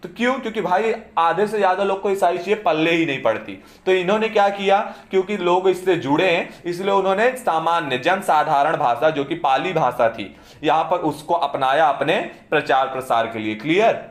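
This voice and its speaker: A man's slightly high, brisk voice rings through a reverberant space as he lectures a class. He explains each point and keeps checking comprehension with "समझे?"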